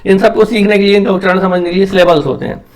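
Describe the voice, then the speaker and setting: A man's voice: high voice, flat delivery, racing. A man teaching English pronunciation basics, explaining patiently step by step in a mix of Hindi and English.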